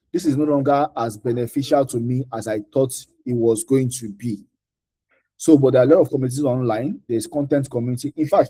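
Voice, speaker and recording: In a casual mentoring talk, a Nigerian-accented man fields audience questions about careers, going back over his main points to stress them. His voice is medium-pitched, mellow, and slightly rough.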